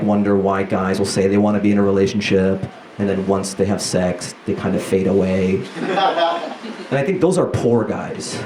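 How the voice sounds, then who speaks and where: Guy doing standup, casual and self-mocking, really animated voice, echoey room w loud background noise. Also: low-pitched. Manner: conversational, self-deprecating, acts out quoted lines. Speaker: stand-up comedian. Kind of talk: stand-up comedy, casual observational bits. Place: live comedy show before an audience.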